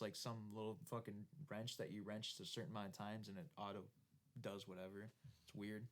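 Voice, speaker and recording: A man co-hosting a casual podcast, talking with a slight lisp and telling rambling, profane, joking stories. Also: fairly low pitch. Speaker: podcast co-host. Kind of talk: casual chat.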